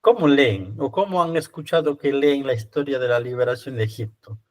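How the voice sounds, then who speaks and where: Peruvian priest lecturing with rhetorical questions. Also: male voice, mid-range voice, animated, fairly quick. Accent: Peruvian Spanish. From Peru. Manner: rhetorical questions, frequent tag questions. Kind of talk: conversational lecture to church readers.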